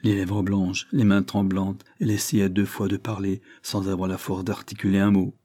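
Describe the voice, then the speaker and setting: Un homme lit un roman en narration posée, d'un ton égal. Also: male voice, deep voice, little pitch movement, normal speed, mellow, no echo, studio quality. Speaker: audiobook narrator. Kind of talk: scripted narration of a Victorian novel.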